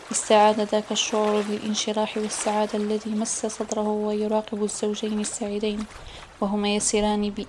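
A woman narrating a novel as an audiobook in a steady, measured reading style. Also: medium pitch, slight background noise.

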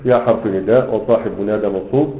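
Fairly low and husky, this man's voice moves quickly with fairly even intonation. He speaks with an Egyptian Arabic accent, reciting verses and posing rhetorical questions to listeners as he explains grammar. The sound is tinny and phone-like.

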